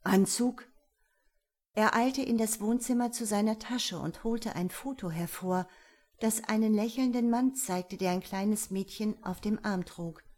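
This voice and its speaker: A woman's voice: medium pitch, unhurried, darkish tone. Woman narrating a story steadily. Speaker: audiobook narrator. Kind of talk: scripted narration.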